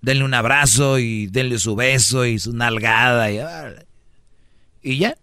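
Brash Mexican male host, mid-pitch, dry studio, comic sermon on dating. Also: fairly even intonation, measured pace, sharp tone, clear, resonant tone, dry recording. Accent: Mexican Spanish. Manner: brash, preachy, mimics voices for jokes. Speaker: radio host giving dating advice. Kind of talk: comic radio monologue.

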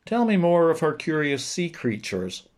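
A courteous young prince, formal and gently inquiring, as a narrator puts him on. His voice is lifted a little higher than plain narration, with a soft, polite curiosity to every question. The feel is of a storybook read aloud. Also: sing-song, normal speed. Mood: curious.

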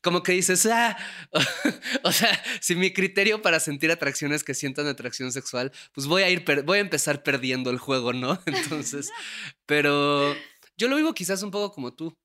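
A man's voice: a little high, expressive, normal speed, bright, forceful tone. A young adult man with a Mexican Spanish accent, hosting a casual podcast chat, laughing often and ending thoughts with tag questions. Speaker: podcast host. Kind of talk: casual conversation.

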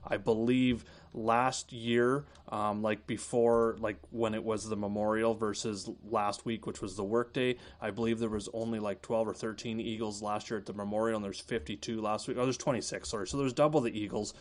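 A man's voice: on the low side, normal speed, few pauses. A man with a Canadian accent giving casual golf betting analysis, talking loosely with many fillers. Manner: relaxed, filler-heavy, thinks aloud. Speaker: fantasy golf analyst guest.

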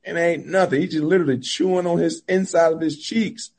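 A man co-hosting a sports talk show, talking in an easygoing, relaxed way as he recalls the past. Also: fairly high pitch, a little fast. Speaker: podcast co-host. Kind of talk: casual sports chat.

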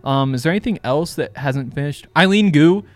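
A man's voice: a little high, a little fast. A man co-hosting a sports betting show in casual, bantering chat.

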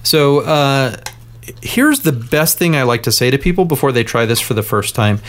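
Male podcast co-host, mid pitch, relaxed explainer, casual chat. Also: moderate pace. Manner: explanatory, joking, enthusiastic about drinks.

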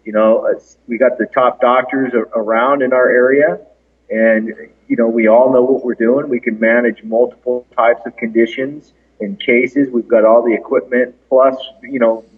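A man's voice: mid-range voice, little pitch movement, moderate pace, husky. A man who runs a clinic, talking casually from a large, echoey conference room, rambling with many fillers and restarts. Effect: echoey big-room sound. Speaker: clinic owner and chiropractor. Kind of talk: casual remote interview chat. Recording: distant, tinny phone-like call audio.

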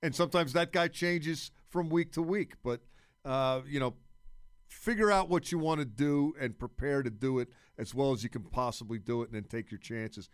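Man, sports radio commentator, casual analysis, halting repetitions, medium pitch, close dry sound. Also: smooth, no room sound. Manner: halting, repeating words as he works out points.

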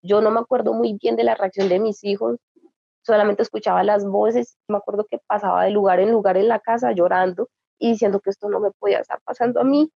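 A young woman giving a halting, grief-filled personal account in an interview. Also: medium pitch, steady tone, creaky, no echo, highs cut off. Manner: grieving, halting, emotional. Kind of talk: personal testimony.

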